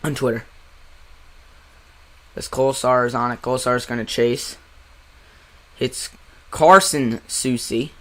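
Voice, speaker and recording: A young man with a New Jersey accent doing casual live hockey play-by-play, surging with excitement on big plays and chatting to his viewers in between. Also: mid-range voice, measured pace, pauses often. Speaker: amateur play-by-play streamer.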